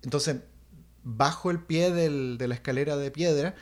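A young man telling a personal story in casual chat, animated and acting out sounds. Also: fairly high pitch, a little slow. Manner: animated, acts out voices and sounds, restarts.

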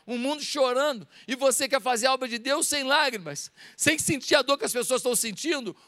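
A man's voice: extremely high pitch, brisk, pushed and bright, no echo, studio quality. A man with a Brazilian Portuguese accent preaching a sermon, emphatic and firing off rhetorical questions at the congregation. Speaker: pastor.

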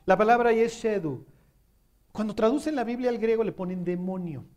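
Mexican guy preaching, fairly high voice, casual and conversational, asks if everyone gets it. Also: brisk, darkish tone, dull audio. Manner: conversational, asks the audience questions. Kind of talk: sermon.

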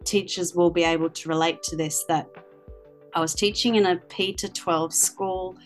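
Faint music sits behind a low-quality recording of an Australian woman, a language teacher and author, giving interview answers as a guest. Her fairly low-pitched voice keeps a steady tone at normal speed as she chats easily through stories of teaching, dropping in many ums.

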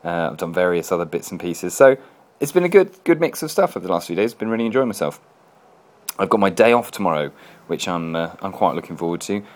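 A man's voice: sits low, lively intonation, fast talker. A man, a stand-up comedian, giving a casual video diary update, chatty and upbeat, rambling with fillers, recorded outdoors in a festival courtyard.

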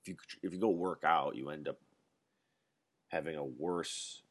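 A man's voice: a bass voice, a little slow, fairly bright tone. A man in his twenties rambling through a solo casual monologue, ranting and swearing freely as he talks. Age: 20s.

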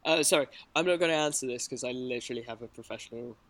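A woman's voice: rumbling low, quick pace, dry recording. A woman, a motorsport journalist, chatting as a podcast guest in a rambling, hesitant way with many restarts. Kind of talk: casual podcast chat.

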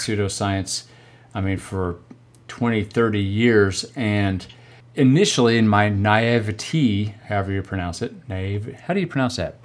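A man hosting a podcast interview, joking and bantering with the guest. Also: on the low side. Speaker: podcast host.

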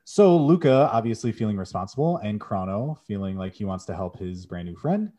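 Podcast co-host, young adult male, lowish voice, eager and filler-heavy storytelling. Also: expressive, a little fast, mellow. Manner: enthusiastic, many "um"s, summarizes plot. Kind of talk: casual podcast chat.

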